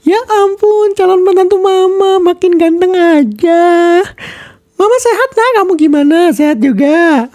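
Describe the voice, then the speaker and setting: A woman's voice: extremely high pitch, animated, a little slow, a little mellow, no echo, studio quality. A woman voicing a doting, fussy middle-aged mother in a cartoon. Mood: gushing. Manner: gushing, fussing. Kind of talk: cartoon voice acting.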